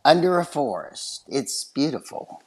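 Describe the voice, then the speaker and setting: A man's voice: on the high side, very animated, unhurried. A man with a West Texas twang, chatting casually and enthusiastically as a podcast guest. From West Texas, USA. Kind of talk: casual chat.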